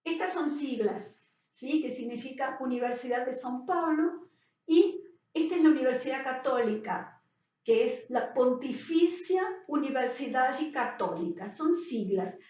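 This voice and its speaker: A woman's voice: high voice, a little mellow. A woman teacher, lecturing and checking in with her students with a frequent "right?". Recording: roomy, distant, dull sound.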